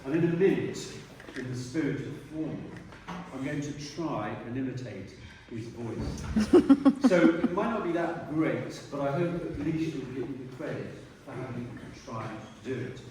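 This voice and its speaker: A man, a retiring teacher giving a rambling speech at a dinner and often clearing his throat. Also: medium pitch, lively intonation, moderate pace, hardly any pauses. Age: 60s. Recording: echoey hall from far off, noisy.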